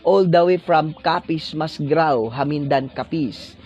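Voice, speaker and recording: A man's voice: a little high, takes it slowly, a little mellow. Preaching man. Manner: repeats tag question "no?" after phrases; blessing-decree cadence, preacherly. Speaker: pastor. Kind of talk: livestreamed sermon.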